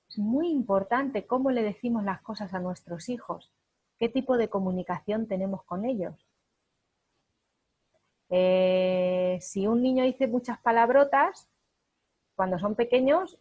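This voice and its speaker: A woman coaching parents in an emphatic teaching voice, acting out little examples as she goes. Her voice sits fairly high and carries a husky edge. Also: highs cut off. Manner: emphatic, explains with acted examples. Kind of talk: spoken parenting lesson.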